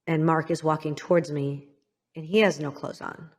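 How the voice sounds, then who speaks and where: A woman from the Midwest speaks in a slightly low voice as a podcast host recounting her own story. She talks candidly and haltingly, and her voice drops quiet at the painful parts. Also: fairly even intonation. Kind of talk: personal storytelling to a guest.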